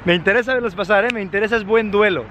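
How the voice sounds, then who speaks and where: Man, Mexican accent, high-pitched, excitable, slangy, casual vlog host. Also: rapid-fire, very noisy. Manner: excitable, swears often, playful slang. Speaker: vlogger host.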